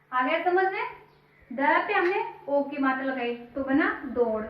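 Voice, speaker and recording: A woman teacher giving a recorded lesson to small children, speaking slowly and patiently and spelling out syllables. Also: sits high. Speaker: school teacher. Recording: echoey distant dull recording.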